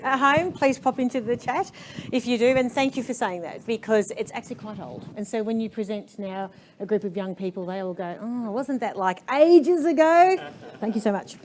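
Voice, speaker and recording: A woman's voice: mid-range voice, fairly quick, slight background noise. A woman giving a casual, chatty talk to an event audience, full of cheeky jokes and playful asides. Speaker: event speaker.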